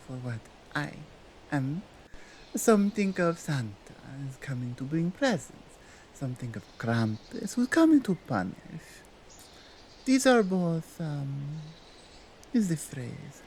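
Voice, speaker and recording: A woman with a Nordic accent playing a dominant, stern yet coaxing Krampus in a slow, deliberate ASMR roleplay. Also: sits low, mellow, slight background noise, full character voice. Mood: firm, measured. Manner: deliberate, commanding, halting non-native phrasing.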